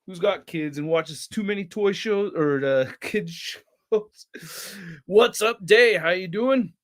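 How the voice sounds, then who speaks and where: A young man hosting a casual toy channel livestream, rambling and reading chat names aloud with excitable bursts. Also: sits high, takes it slowly. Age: young adult.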